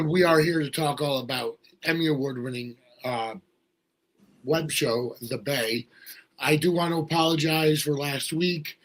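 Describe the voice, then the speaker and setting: Slightly worn, higher-pitched male host. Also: unhurried, poor audio. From US Northeast. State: voice slightly off, not fully recovered. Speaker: podcast host. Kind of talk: casual talk show hosting.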